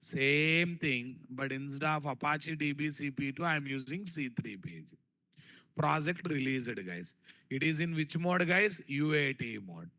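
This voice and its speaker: Indian guy w telugu accent teaching tech, sharp forceful voice bit gravelly, keeps repeating stuff and asking the class questions. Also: on the high side, lively intonation, measured pace, no room sound. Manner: repeats phrases and quizzes listeners with rhetorical questions. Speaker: programming instructor. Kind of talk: live classroom-style technical lecture.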